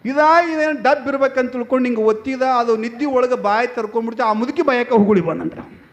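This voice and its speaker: A man with a very high voice preaches in a North Karnataka Kannada accent. He tells folksy stories to his listeners, calling out to the women and slipping into small voices for the characters. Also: fairly quick. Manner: folksy, addresses women as yavva, acts out story voices. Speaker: swami preacher. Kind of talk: devotional sermon with storytelling.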